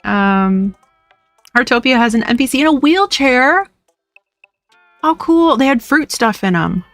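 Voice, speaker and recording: Woman streamer, playful and giggly, unhurried casual chat, dry sound with soft background music. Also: fairly high pitch, lively intonation, dry recording. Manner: giggly and playful, chatting to viewers. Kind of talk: casual live-stream chat while gaming. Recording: dry close mic with faint music.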